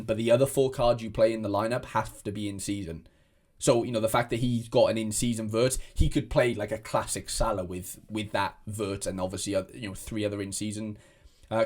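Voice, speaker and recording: A young man whose first language is Welsh talks a little fast in a lowish, slightly mellow voice. Creating fantasy football content, he chats casually to camera, rambling with many restarts and fillers.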